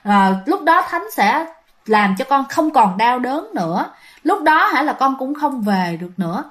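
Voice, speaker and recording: A woman voicing a dead child, gentle and high. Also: big pitch swings, unhurried. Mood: reassuring. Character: dead young child speaking through a medium.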